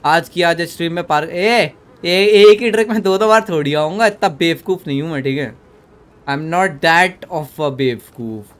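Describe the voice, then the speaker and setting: A young man with a fairly high voice streams a horror game at home into a desk mic. He jokes and trash-talks in a mix of Hindi and English, and shouts at the on-screen character. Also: a little slow. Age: young adult. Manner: joking, switching between Hindi and English, yelling at the game character. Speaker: gaming streamer. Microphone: desk microphone.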